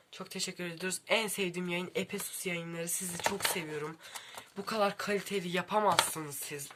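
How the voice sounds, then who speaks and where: A young woman unboxing books in a vlog, gushing and exclaiming over every detail. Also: mid-range voice. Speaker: book vlogger. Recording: clear background noise.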